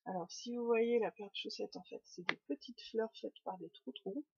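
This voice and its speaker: A woman's voice: fairly high pitch, normal speed, dark tone, lo-fi sound, a little hiss or hum. A woman hosting a knitting podcast, chatting casually to her webcam at home, rambling with lots of fillers and restarts. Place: home room.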